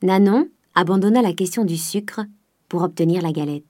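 A woman narrating a classic novel as an audiobook, in a measured, even reading. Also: on the low side, no room sound, clean studio sound.

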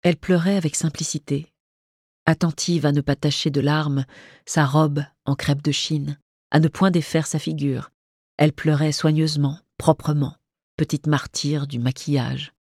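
A narrator giving a measured, even-toned literary audiobook reading at a close studio microphone. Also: medium pitch, no room sound.

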